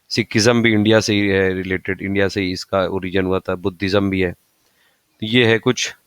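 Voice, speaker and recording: A man's voice: on the low side, clean tone, no room sound. A man teaches like an exam-prep tutor. He rambles through lists, repeats figures and stops on fillers. The sound is dry and close, with little room. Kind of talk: casual explanatory lesson.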